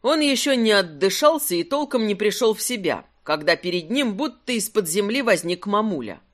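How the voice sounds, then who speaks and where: An audiobook narrator telling a fantasy tale with measured, expressive delivery and an everyday mid-range voice. The reading is steady and clear. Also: mid-range voice.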